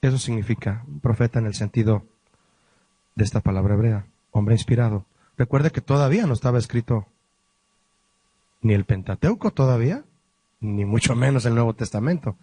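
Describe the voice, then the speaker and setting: A man's voice: medium pitch, dark tone, no room sound. Pastor guy teaching bible class, medium voice, dry sound, keeps asking the room questions. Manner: teaching, asks the listeners questions; explains word meanings slowly. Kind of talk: Bible study lesson.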